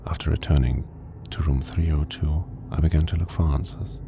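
A man voicing a weary, grim private detective who narrates a horror game in a slow, flat storytelling manner. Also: noisy background. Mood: brooding. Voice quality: very deep, gravelly. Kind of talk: scripted noir narration. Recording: game audio under loud music. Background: game music.

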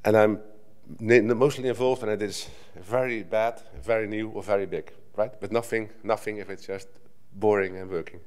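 A man's voice: fairly low pitch, steady tone, normal speed, few pauses, a little mellow, smooth. A middle-aged man from the Netherlands, a native Dutch speaker, giving a conversational conference talk at a lectern, with frequent restarts. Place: conference hall stage at a lectern. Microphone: lectern microphone.

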